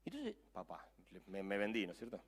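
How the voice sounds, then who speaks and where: A middle-aged man with a Rioplatense accent preaching a sermon as pastor, animated, swinging between hushed asides and loud exclamations, acting out dialogue. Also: lowish voice, fairly quick, slight background noise. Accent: Rioplatense Spanish. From Argentina.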